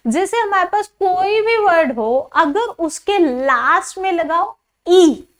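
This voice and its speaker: A woman's voice: very high-pitched, animated. A woman teacher giving a pronunciation lesson, quizzing her pupils and drawing out each example sound. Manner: repetitive, drawn-out example sounds and questions to pupils. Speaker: English teacher.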